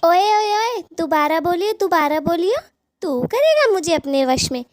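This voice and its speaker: A rude, cackling cartoon witch who loves mangoes, voiced by a woman. Her high voice leaps all over the place as she mocks and insults. The sound is dry and close. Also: animated, unhurried, no room sound. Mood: taunting. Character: rude mocking female mango-loving witch ghost.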